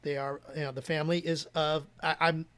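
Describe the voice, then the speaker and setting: A man with a slightly raised pitch speaking as a podcast guest. He talks earnestly and at length, often restarting his sentences as he works through a thought. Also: little pitch movement, a little fast, a bit bright, clear, resonant tone. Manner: earnest and rambling, many restarts. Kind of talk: casual interview chat.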